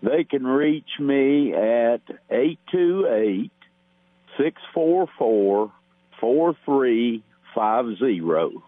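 A man calling in over the phone to a radio show, plainly listing items to sell and wanted parts, with many filler pauses. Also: mid-range voice, lively intonation, dry recording. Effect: heard over the phone. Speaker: caller. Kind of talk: call-in classified listing. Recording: tinny phone line with hum.

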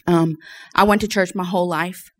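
A woman's voice: lowish voice, fairly even intonation, normal speed, fairly bright tone. A woman from Louisiana giving an informal personal testimony to a group, hesitant and often searching for her words. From Louisiana, United States. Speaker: church member giving testimony.

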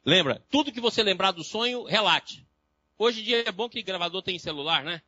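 A man with a Brazilian Portuguese accent giving a live lecture, telling lively stories and acting out the voices of patients. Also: sits high, brisk, dry recording. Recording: dry, slightly dull lecture recording.

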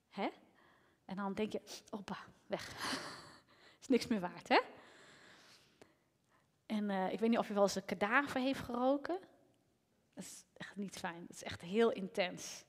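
A woman preaching a sermon in a lively way, rising to near shouts and dropping to whispers. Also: mid-range voice. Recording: long hall reverb.

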